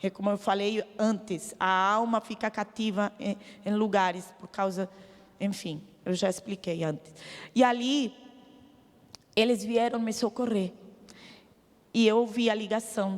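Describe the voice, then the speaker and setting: Woman giving a church testimony in a reverberant hall. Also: medium pitch. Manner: emotional storytelling, acts out dialogue; preaching appeal to the audience.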